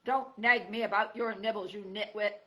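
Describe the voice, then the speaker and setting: Woman reader voicing a bellowing, scornful old male porcupine; gritty, bright, insulting. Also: medium pitch, brisk. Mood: gruff scornful.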